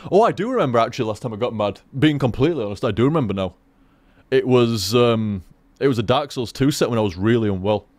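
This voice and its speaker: A man rambling through casual gameplay commentary, swearing freely and talking in an animated way. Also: medium pitch, dry recording. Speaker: gaming commentator.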